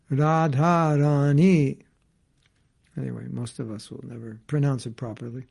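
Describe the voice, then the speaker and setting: A man's voice: on the high side, gravelly, dark tone. A man teaching a scripture class, reading passages aloud and explaining them in casual asides. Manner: reads a passage then comments in casual asides.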